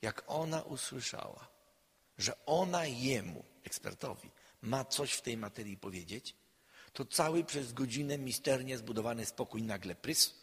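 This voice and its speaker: A man, a counselor, giving a public lecture in an emphatic way, swinging between loud and quiet. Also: medium pitch, animated, moderate pace, breathy edge. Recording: long hall reverb.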